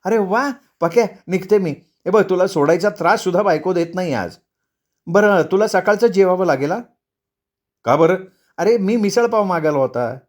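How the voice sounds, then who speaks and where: A man voicing a bossy, excitable young wife who scolds her husband. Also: high voice, normal speed, pitched above the performer's own voice, natural voice.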